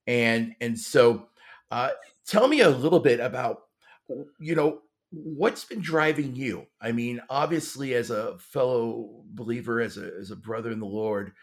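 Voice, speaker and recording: A man's voice: medium pitch, a little slow. Rambling male podcast host. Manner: rambling, searching for words. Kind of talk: casual interview hosting.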